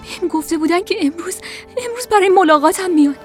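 A desperate young wife from a storybook, voiced by a woman. Her voice sits very high and trembles with pleading and tears. Faint music plays beneath her. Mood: anxious calling. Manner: pleading, tearful. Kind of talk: storybook reading.

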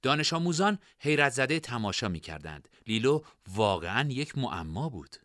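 A man narrating a fantasy story in expressive storytelling style. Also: medium pitch, no room sound, studio quality.

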